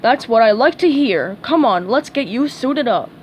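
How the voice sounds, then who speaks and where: A woman voicing a gruff male hockey coach in a storybook reading. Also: on the high side, lively intonation, moderate pace, slight background noise, natural voice. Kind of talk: storybook read-aloud.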